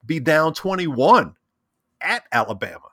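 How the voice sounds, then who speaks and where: Bright-voiced man in animated sports chat. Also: on the high side, a little slow, dry recording, clean studio sound. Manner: animated, repeats words, acts out quotes. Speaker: sports talk co-host.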